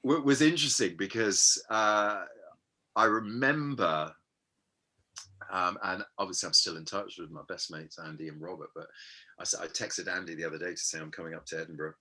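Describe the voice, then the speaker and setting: A man in his fifties from Hampshire in England, telling stories about his childhood as a guest in a casual interview, self-deprecating and halting with many fillers. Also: low-pitched, bright, forceful tone.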